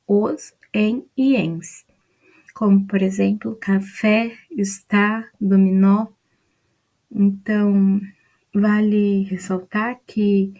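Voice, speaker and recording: A Brazilian woman explains grammar one point at a time, often checking in with a quick "né?". Her voice is mellow and relaxed, sitting at a middle pitch. She keeps an unhurried, patient teaching rhythm. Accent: Brazilian Portuguese. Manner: patient, step-by-step explaining with "né?" and "então". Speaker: student presenting a study mind map. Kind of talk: explaining grammar from a mind map.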